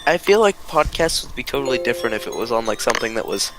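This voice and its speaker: A man's voice: mid-range voice, sing-song, fast, music in the background, low-quality recording. A man co-hosting a casual podcast over a voice call. He rambles and fills his talk with "like". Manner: rambling, lots of "like". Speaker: podcast co-host. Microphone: voice-call mic.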